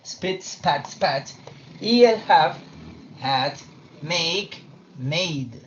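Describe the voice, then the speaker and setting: Man, English teacher, online class, fairly high voice, far from the mic, muffled lo-fi sound. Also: expressive, fairly bright tone. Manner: slow, repeats verb forms for drilling. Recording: distant, dull lo-fi audio with faint noise.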